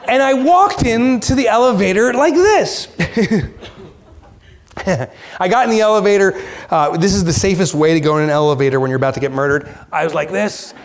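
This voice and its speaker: A man giving a keynote talk, telling a story in an animated, self-mocking way and acting it out. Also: high-pitched, normal speed. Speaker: keynote speaker. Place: large conference hall.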